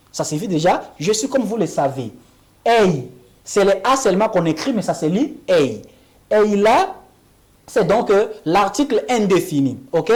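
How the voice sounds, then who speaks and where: In this televised language lesson, a woman teaches English with lively pitch. Her explanations are in French, she says English examples slowly and repeatedly, and she checks in with "Ok?".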